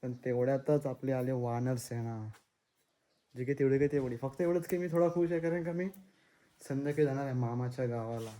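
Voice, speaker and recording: Chatty young man vlogging, mellow voice. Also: medium pitch, steady tone, a little fast, rough recording. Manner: chatty, mixes in English words. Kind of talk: casual vlog chat. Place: village house.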